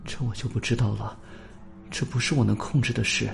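A man's voice: mid-range voice, fairly even intonation, fairly quick, creaky, soft background music. A man reading an audiobook voices a frightened, agitated teenage boy with tense, pleading speech.

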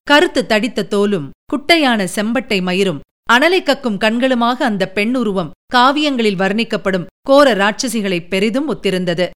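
Clear-voiced woman narrating an audiobook. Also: a little high, fairly bright tone. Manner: measured, dramatic storytelling with rhetorical questions.

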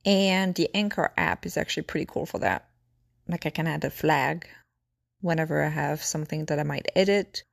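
A woman with a fairly low voice chats through her own podcast on a phone, sounding a little hoarse as she loses her voice. She talks in a reflective, chatty way and ticks off her points one by one. The sound is dry and close, with no room around it. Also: normal speed, dry recording. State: slightly hoarse, losing her voice. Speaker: podcast host. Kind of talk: casual solo podcast chat.

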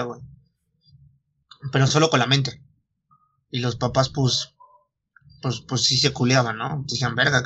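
A man's voice: mid-range voice, pushed and bright. A young man with a Mexican Spanish accent retelling a novel in casual chat, full of slang and swearing, saying "güey" at every turn. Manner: slangy, swears often, says "güey" constantly, restarts lines.

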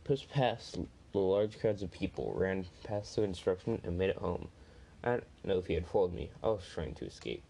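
A man's voice: deep voice, expressive, moderate pace, creaky, dark tone, low-quality recording. A man reading a first-person story aloud, plainly, with small slips and restarts.

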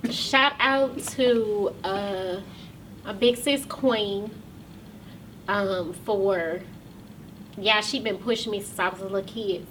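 Woman, show host, casual and rambling, holding back tears, bright voice, distant mic. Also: mid-range voice, slight background noise. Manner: loose and chatty, with many ums and pauses. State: close to tears. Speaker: podcast and talk show host. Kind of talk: casual address to viewers.

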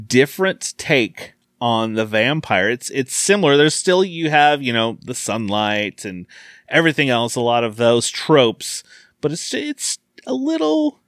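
A man in a casual film chat with an easygoing, mid-pitched voice. He laughs easily and agrees often. The recording is close and dry. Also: very animated, slow pace, a bit bright, no echo. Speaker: podcast guest.

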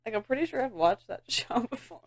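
A woman's voice: on the high side, animated, brisk. A woman co-hosting a podcast in casual chat, giggly and rambling, filling her talk with "like" and trailing off. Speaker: podcast co-host.

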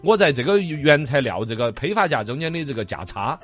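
Fast, animated man speaking Sichuan dialect. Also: mid-range voice, soft background music. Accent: Sichuan dialect, Chengdu. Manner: colloquial, explanatory, with frequent rhetorical check-back questions. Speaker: talk show host. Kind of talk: casual chat, commenting on listener messages.

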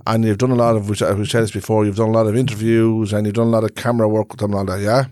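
A man's voice: fairly low pitch, level tone, rapid-fire, dark tone, no echo, studio quality. A man with an Irish Traveller accent chatting on a podcast, teasing and challenging his co-host with pointed questions. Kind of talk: casual bantering podcast chat.

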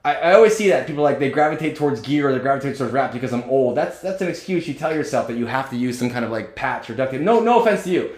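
A man's voice: medium pitch, animated, very fast, few pauses, a little mellow, roomy sound. A man in his forties, a strength coach and podcast host, talking bluntly and joking in casual chat. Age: 40s.

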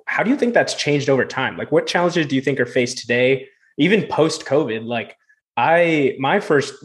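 A young man hosting a podcast, asking long, loosely phrased questions with lots of fillers. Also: medium pitch. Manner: asks long rambling questions with many fillers. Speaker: podcast host. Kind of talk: casual interview conversation.

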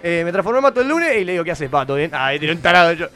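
A young man with an Argentine Rioplatense accent, chatting casually as a podcast host and telling an animated story full of acted-out quotes. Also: high voice, rapid-fire. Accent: Argentine Rioplatense Spanish. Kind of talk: casual chat.

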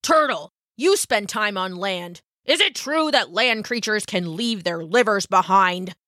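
A grand, greedy male Dragon King of the sea from a storybook, voiced by a woman. He speaks in a commanding, impatient way, slowly and with a bright edge. The recording is dry and close. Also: mid-range voice, expressive, dry recording.

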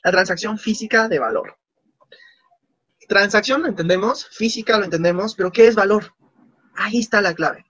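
A man's voice: high voice, normal speed, long pauses, slightly rough, no room sound, lo-fi sound. A man, casually telling stories in an interview and acting out the dialogue. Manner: animated, acts out quoted dialogue. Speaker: guest.

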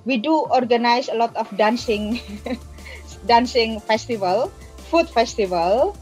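A woman's voice: fairly high pitch, slow pace, darkish tone, faint music behind, rough recording. A woman, an organizer answering in an interview with passion, explaining emphatically and repeating phrases to drive points home. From Indonesia. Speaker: migrant workers' organizer and activist.

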